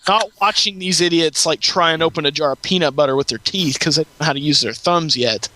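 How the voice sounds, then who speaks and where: Bright fairly high guy ranting on a podcast, lots of restarts. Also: fast, no echo. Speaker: podcast co-host. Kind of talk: casual podcast chat.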